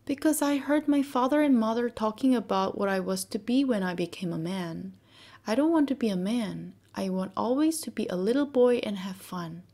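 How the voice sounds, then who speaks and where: A woman voicing a cheeky, boastful boy who never grows up, in a soft whispered role-play for a bedtime storybook. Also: mid-range voice, animated, moderate pace.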